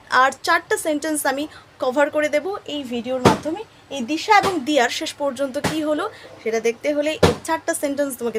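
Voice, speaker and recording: A woman teacher, telling a story to teach English phrases, slowly repeating each phrase and checking in with her listeners. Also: high-pitched, very noisy. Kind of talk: spoken English lesson told through a story.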